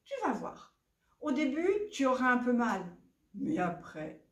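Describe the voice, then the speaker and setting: A sly, scheming crow speaks in slow, coaxing, reassuring tones, as a woman storyteller puts it on. It sounds like a trickster promising help. The recording is roomy and distant. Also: a little high, big pitch swings. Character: sly crow posing as healer.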